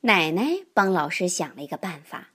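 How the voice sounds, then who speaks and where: A woman reading a children's picture book aloud in an expressive, lively manner. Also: fairly low pitch, moderate pace, breathy edge. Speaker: storyteller.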